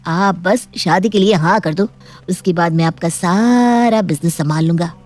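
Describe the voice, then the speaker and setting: A woman voicing a cocky, greedy, jobless young man in an animated storybook, cheeky and mocking. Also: lowish voice, moderate pace, faint music behind, lightly acted.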